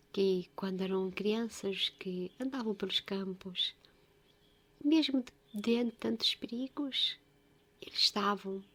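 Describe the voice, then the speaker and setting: A woman giving a gentle spiritual reflection, speaking haltingly and often dropping into a whisper. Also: mid-range voice. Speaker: religious video presenter.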